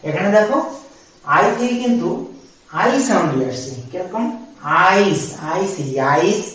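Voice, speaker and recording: A man's voice: high voice, expressive, fairly bright tone, recorded from a distance. A man teaching English vowel sounds, spelling each word out letter by letter and then saying it. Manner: slow, spells words out letter by letter. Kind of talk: English phonics lesson. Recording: very echoey room, voice from the mic.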